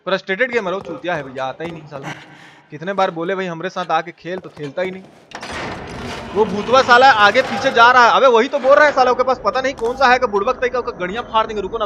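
A game streamer from India narrates his play live in a Bihari accent, loose and colloquial, with plenty of swearing. The lo-fi recording has a clearly noisy background, and he talks quickly in a high voice.

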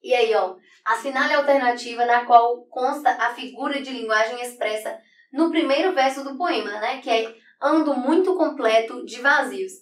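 A woman teacher with a slightly high voice, speaking at normal speed, explains figures of speech during an online exam-prep lesson. Constantly checking in with "né?" (right?), she writes on a board, and the room sounds echoey through a distant mic.

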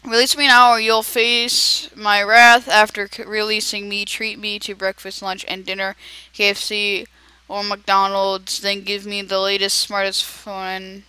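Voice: medium pitch, flat delivery, unhurried, pushed and bright, clear, resonant tone, no echo, rough recording. A young male gamer playing a bossy young evil kidnapper. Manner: bossy, demanding.

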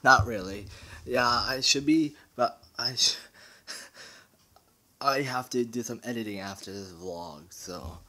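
Man, casual vlog, bright tense voice, rambling, hesitant restarts, slightly winded, handheld camera mic. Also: mid-range voice, slow pace, pauses often. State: out of breath. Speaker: vlogger.

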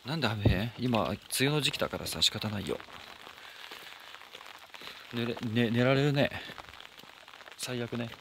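A man live-streaming outdoors at night in the rain, chatting casually, thanking and answering viewer comments, and breaking into soft high squeals. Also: a little slow, gravelly, pauses often, background noise.

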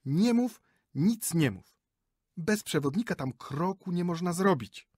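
A man voicing a flighty, chattering wife who is quick to take offence, in an audiobook. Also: high voice, animated, a little mellow, slightly rough, no room sound, studio quality, pitched above the performer's own voice, exaggerated voice. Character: flighty, chattering wife, middle-aged woman. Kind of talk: audiobook character reading.

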